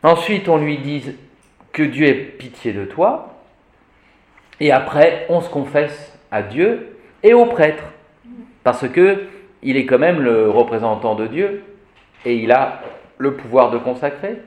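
A man lecturing on Latin grammar, unhurried and deliberate, with a lively voice that swings up and down as he drives home his points. He keeps checking in with his listeners and paints vivid examples. The sound carries a roomy echo. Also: mid-range voice. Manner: animated, repeats "vous voyez", vivid examples. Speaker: Latin teacher. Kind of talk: classroom lecture.

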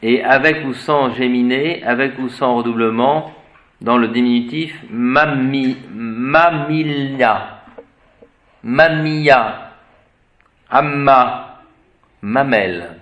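A man giving an unscripted etymology lesson, spelling words out letter by letter and pausing to search for the right term. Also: medium pitch, a bit bright, muffled recording. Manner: hesitant, searches for words with fillers. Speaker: etymology teacher.

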